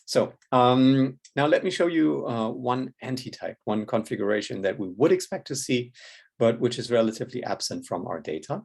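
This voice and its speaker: A man's voice: mid-range voice, animated, normal speed, vocal fry, darkish tone, husky. A man giving a recorded academic lecture, talking through results step by step, with many "uh" fillers and a questioning "yeah?" to check in with listeners. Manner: methodical, frequent tag "yeah?" and "uh" fillers. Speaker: linguistics lecturer. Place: indoors, room near a window with rain outside.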